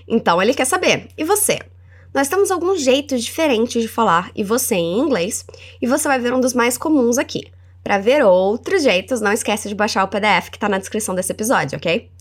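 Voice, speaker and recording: A woman with a Brazilian Portuguese accent hosting a language lesson podcast. She is encouraging and slows down to model English words for the listener to repeat. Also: fairly high pitch. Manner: animated and encouraging, models words slowly for repetition. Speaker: English teacher and podcast host.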